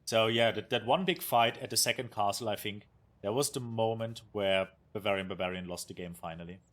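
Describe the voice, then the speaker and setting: A man's voice: fairly low pitch, a little fast, fairly bright tone. A young man with a German accent commentating a strategy game match as a caster, enthusiastic and sometimes searching for words. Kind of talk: esports commentary. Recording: faint game music behind.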